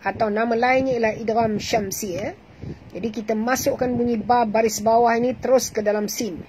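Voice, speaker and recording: A woman with a Malaysian Malay accent teaches Quran recitation rules in an online tajwid class, patiently repeating sounds and correcting pronunciation as she explains and demonstrates. Her voice is a little high and darkish, with fairly even intonation and a normal pace. The audio is poor, with slight background noise.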